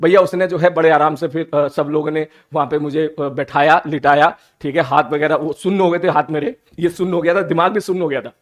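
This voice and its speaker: A man, telling a funny personal story in a playful, animated, teasing way, like a teacher chatting with his class. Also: a little high, brisk, hardly any pauses. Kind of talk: casual storytelling.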